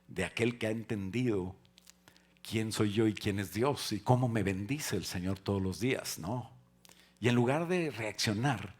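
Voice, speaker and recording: A male pastor delivering a conversational sermon. He jokes with the congregation and then drives his points home with loud, rising emphasis. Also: lowish voice, breathy edge.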